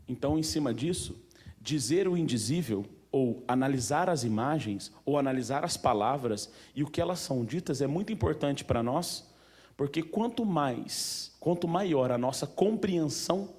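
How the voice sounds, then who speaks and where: A Brazilian man speaks at a museum event in an easygoing, conversational way. His voice sits at an ordinary mid pitch, and he keeps turning to the audience with questions and little fillers. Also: lively intonation, unhurried, a little mellow. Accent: Brazilian Portuguese. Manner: chatty, asks the audience questions, many fillers. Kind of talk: informal talk to an audience.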